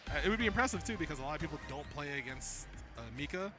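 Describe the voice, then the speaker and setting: A man's voice: on the high side, animated, very fast. A man giving live fighting game commentary as an announcer, calling moves in short, clipped phrases. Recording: loud music under the voice. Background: loud music.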